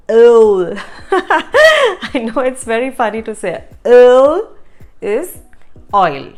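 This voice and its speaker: A woman teaching German pronunciation in a slow, careful way, repeating each word for learners. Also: medium pitch. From India. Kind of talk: pronunciation lesson.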